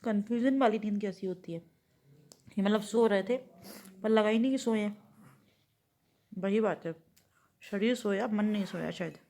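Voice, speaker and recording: A woman's voice: mid-range voice, moderate pace, long pauses, dark tone. A woman vlogging casually at home, thinking aloud and rambling to her viewers. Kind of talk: casual chatty home vlog.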